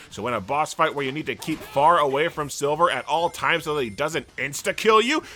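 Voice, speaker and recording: A man's voice: fairly high pitch, pushed and bright. Sarcastic ranting male game reviewer. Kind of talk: scripted review narration. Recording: voice-over with faint music.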